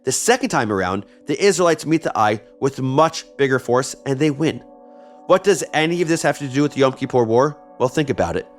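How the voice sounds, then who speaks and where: A man narrates a history podcast from a script and slips in wry, chatty asides. His voice sits at an ordinary middle pitch. Faint music plays behind him. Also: lively intonation, brisk. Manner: wry, conversational. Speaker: podcast host.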